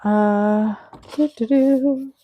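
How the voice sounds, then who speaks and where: A woman's voice: fairly high pitch, fairly even intonation, extremely slow, lo-fi sound. A woman in her forties hosting a live crafting stream, chatting casually with viewers and thinking aloud as she works. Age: 40s. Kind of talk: casual chat while crafting.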